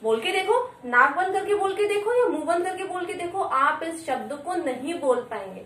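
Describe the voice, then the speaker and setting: High-voiced woman teaching in an echoey room. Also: a little hiss or hum. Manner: asks questions and answers them, addresses children. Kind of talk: classroom grammar lesson. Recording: echoey room, mic at a distance.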